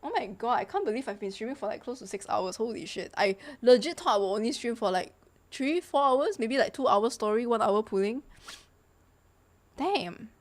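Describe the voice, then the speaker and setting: Chatting her way through a game stream, a young woman keeps dropping the filler "like" into her casual talk. Her voice is a little high and expressive, moving at normal speed.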